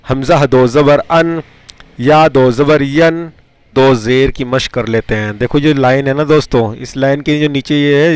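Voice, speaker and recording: Man, teacher, reading lesson, rhythmic letter drills, repeats rules, smooth voice, dry close sound. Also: medium pitch, darkish tone, no room sound.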